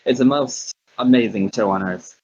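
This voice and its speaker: A man voicing a flamboyant ringmaster sorcerer who calls out to the crowd in a booming, theatrical barker's voice, over muffled lo-fi audio. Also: moderate pace, darkish tone, husky, natural voice. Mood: grand showman.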